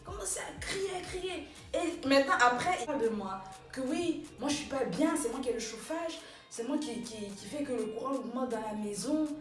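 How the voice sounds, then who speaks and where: A young woman vlogger casually telling a story about her home, animated and exclamatory, her voice jumping up when she retells a quarrel. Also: fairly high pitch, moderate pace, hardly any pauses, far from the mic, music in the background. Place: small room indoors. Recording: roomy, from off-mic.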